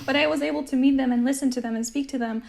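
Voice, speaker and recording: Young woman, Polish native, American accent, slightly high voice, casual and chatty. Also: fairly even intonation, rapid-fire, vocal fry, a little mellow. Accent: American English. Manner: chatty, uses many fillers, laughs easily. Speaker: language-learning guest. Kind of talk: casual conversation.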